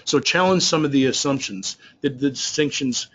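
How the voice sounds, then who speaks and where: A business trainer talks through slides in a recorded webinar, rambling loosely with lots of restarts and filler words. His voice sits in the mid-range and is fairly bright, moving at a moderate pace. The audio quality is dull.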